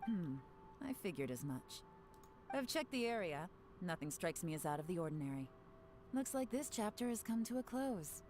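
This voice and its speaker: A woman's voice: lowish voice, big pitch swings, normal speed, a little mellow, slight background noise. A woman voicing a cool, self-assured secret agent in a video game, composed and knowing.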